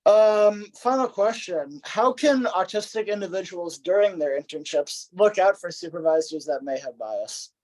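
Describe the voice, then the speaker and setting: A man's voice: high voice, lively intonation, moderate pace, hardly any pauses, darkish tone, low-quality recording. A man hosting an interview who agrees readily and talks with many fillers and restarts. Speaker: interview host. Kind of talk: interview conversation.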